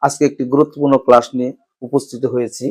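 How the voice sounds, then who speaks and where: A man's voice: medium pitch, flat delivery, racing, a little mellow. A man with a Bangladeshi accent teaching a spoken English lesson, patiently repeating each phrase step by step.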